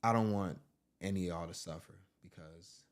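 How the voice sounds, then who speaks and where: Low-voiced chatty man streaming. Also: normal speed. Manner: chatty, addresses viewers as family. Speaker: livestream host. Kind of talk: casual crime-news stream commentary.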